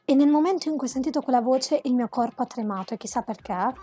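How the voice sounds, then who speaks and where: A woman's voice: high voice, quick pace, mellow. A woman commentating a video game, reading the dialogue aloud and ranting dramatically at the characters. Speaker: gameplay commentator.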